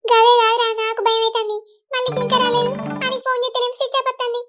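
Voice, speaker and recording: A woman doing a squeaky fretful village mother-in-law. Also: level tone, very fast, over music. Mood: fearful. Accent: Telangana Telugu. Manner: fretful, fussing. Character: anxious middle-aged village mother-in-law.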